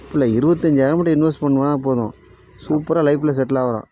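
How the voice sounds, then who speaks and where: Young man, Tamil Nadu village accent, slightly high voice, coaxing, lo-fi recording, noisy background. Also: fast talker. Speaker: comedy skit actor. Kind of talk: casual comedy skit dialogue.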